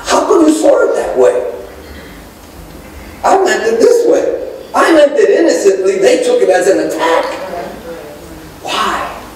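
Sitting high and very animated, this middle-aged man's voice keeps a measured pace with long pauses. He's a pastor preaching from the pulpit of a church sanctuary, calling out to his congregation as he gestures; the pulpit microphone is filmed from far back, giving an echoey, distant sound.

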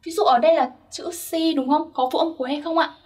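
A woman's voice: high voice, fairly even intonation, fairly quick, a little mellow, far from the mic. A young woman teaching Korean grammar step by step, patiently checking that her listeners follow. Her first language is Vietnamese.

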